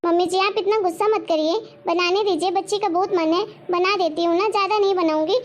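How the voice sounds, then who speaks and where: A woman playing a patient young daughter-in-law who gently pleads with her mother-in-law and protects her little sister in a homemade family drama. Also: very high voice, steady tone, fairly quick. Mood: pleading. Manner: soft, pleading, polite. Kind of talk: homemade web-drama acting.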